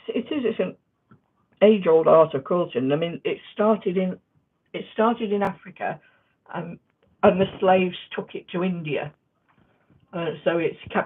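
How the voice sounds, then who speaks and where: A woman chatting casually in a quilting vlog, rambling and halting with many restarts. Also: fairly low pitch. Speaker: quilting vlogger. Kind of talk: casual crafting vlog chat. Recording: tinny phone-like sound.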